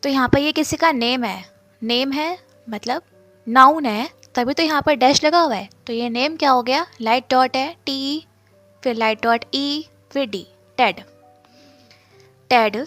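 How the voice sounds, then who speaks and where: Woman, shorthand teacher, high voice, slow and repetitive explanation, faint music behind. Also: fairly bright tone, no room sound. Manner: slow, repeats each sound, asks and answers her own questions. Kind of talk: step-by-step lesson explanation.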